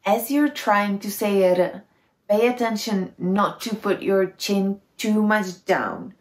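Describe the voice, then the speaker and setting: A woman's voice: medium pitch, lively intonation, slow, roomy sound. A woman teaching pronunciation to foreigners, patiently demonstrating sounds with repeated syllables. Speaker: Czech language teacher. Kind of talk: pronunciation lesson.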